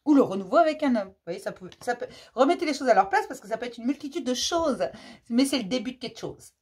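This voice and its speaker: Female card-reading host, slightly high register, informal and reassuring direct address. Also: lively intonation, fast, slightly rough. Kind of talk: casual spoken card reading to camera.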